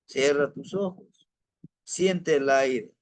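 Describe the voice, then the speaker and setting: A man voicing a calm, wise old grandfather who gently teaches a young man in a spoken tale. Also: medium pitch, slow, no echo, pitched below the performer's own voice, natural voice. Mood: calm, patient. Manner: gentle, patient commands.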